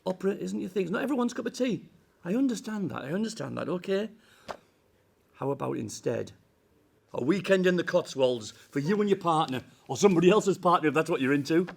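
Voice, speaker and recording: A man's voice: high voice, expressive, brisk, vocal fry, heavily acted. An actor playing a boss trying to bribe his team back into trusting him. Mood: wheedling. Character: blustering male boss bribing his team. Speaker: team manager.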